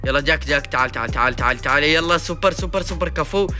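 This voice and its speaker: A young man talks through his gameplay at a rapid clip in a high, sharp, very bright voice. He chatters excitedly, slipping into sing-song cheers and groans. Faint music plays behind him. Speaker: gaming YouTuber. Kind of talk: gameplay commentary.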